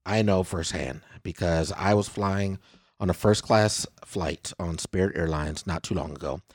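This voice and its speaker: In studio-quality audio with no echo, a podcast host with a deep, darkish voice talks a little slowly. He rants theatrically in casual comedy banter, sprinkling in "okay?" and "I digress."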